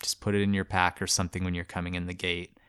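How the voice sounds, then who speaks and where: A man's voice: deep voice, completely flat delivery, quick pace, fairly bright tone, smooth, no echo, studio quality. A man co-hosting a podcast, chatting casually in a laid-back, rambling way and laughing easily. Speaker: podcast co-host. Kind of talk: casual chat.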